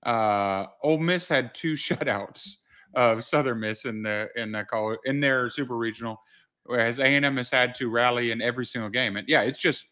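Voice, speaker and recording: A man's voice: medium pitch, moderate pace, pushed and bright. A man co-hosting a sports podcast as a writer, chatting casually and saying "you know" often.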